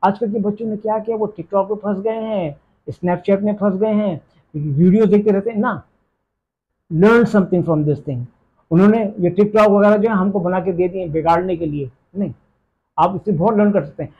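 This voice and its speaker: Here a man from Pakistan, an English teacher, takes interview questions at a moderate pace in a high-pitched voice with phone-quality sound. His answers are emphatic, sprinkled with English phrases and the occasional "theek hai?"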